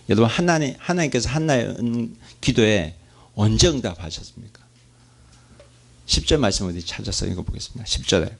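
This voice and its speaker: A man pastor preaching a sermon, asking his congregation questions and acting out prayers. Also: fairly low pitch.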